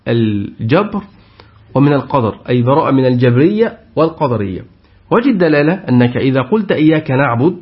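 A man giving a Quran tafsir lesson, putting questions to his class and repeating their answers. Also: mid-range voice. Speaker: Quran teacher. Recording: dull lo-fi recording.

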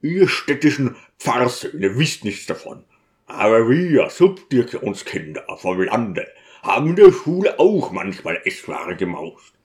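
Ein Mann, der einen aufbrausenden, sturen Diakon spricht, laut und beharrlich. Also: male voice, mid-range voice, very animated, a little slow. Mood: pleading. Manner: loud, pleading and defiant. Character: burly hot-tempered male deacon, loud and stubborn.

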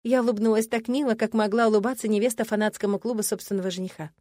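A woman's voice: mid-range voice, fairly even intonation, racing, warm tone, no echo, studio quality. A woman narrating a first-person audiobook in a wry, ironic manner.

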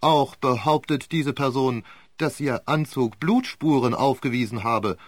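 A man voicing a sharp male prosecutor who cross-examines with cutting sarcasm, in a dry, close reading of a courtroom story. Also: medium pitch, unhurried, no echo, close to an everyday voice.

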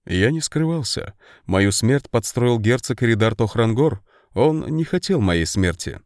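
Мужчина читает аудиокнигу и озвучивает сдержанного немолодого дядю принца, говорящего сухо и коротко. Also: male voice, medium pitch, lively intonation, a little slow, a little mellow, dry recording. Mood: calm. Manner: curt, dry. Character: reserved older male uncle, terse and dry.

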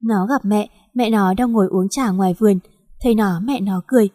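A woman reading a romance story aloud as narrator, in a slow, melancholy manner. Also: medium pitch, dark tone. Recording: long hall reverb.

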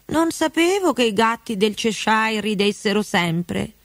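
A woman's voice: on the high side, lively intonation, unhurried, dry recording, pitched above the performer's own voice. A woman voicing a polite, curious young girl in a storybook, asking questions. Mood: inquisitive. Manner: polite and inquisitive.

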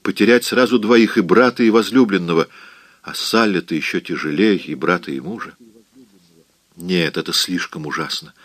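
Male audiobook narrator, deep voice, dramatic delivery. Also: normal speed, no room sound. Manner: expressive, dramatic reading.

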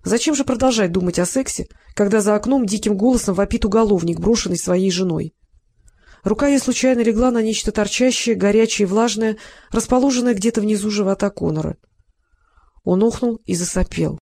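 An audiobook narrator reading a romance novel in a steady, expressive way. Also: medium pitch, brisk.

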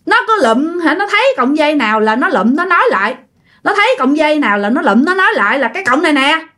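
A woman voicing an anxious elderly grandmother, pleading and fretful. Her speech is lively and rises high with worry. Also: quick pace, heavily acted. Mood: puzzled.

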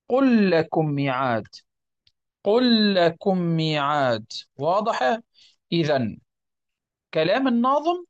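Tunisian-accented teacher with a lively voice. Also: mid-range voice, no echo, lo-fi sound. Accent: Tunisian Arabic. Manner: checks understanding often, slows right down to demonstrate recitation. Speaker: Quran recitation teacher. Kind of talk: tajweed lesson with recited examples.

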